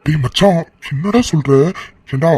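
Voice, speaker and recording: A man's voice: a little high, normal speed, over music, natural voice. A man voicing a young man student friend in a cartoon serial, teasing and chummy as he asks questions.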